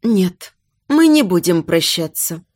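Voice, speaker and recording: A woman's voice: fairly low pitch, very animated, slow, darkish tone, dry recording, clean studio sound, heavily acted. A woman playing a frantic pleading young queen. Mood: urgent. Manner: raised, pleading, near tears.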